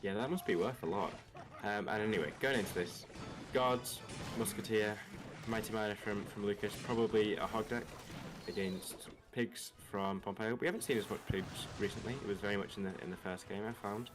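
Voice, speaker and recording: A man with a general English accent and a slight Australian twang, giving quick analysis as co-caster on a live esports stream. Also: lowish voice, music in the background. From England, raised in Australia from about twelve. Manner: fast, analytical, breaks down matchups.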